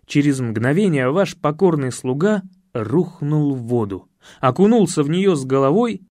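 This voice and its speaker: Guy reading an audiobook, bouncy expressive voice, dry close mic. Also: fairly high pitch, moderate pace, dry recording. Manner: lively, expressive storytelling. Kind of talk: audiobook narration.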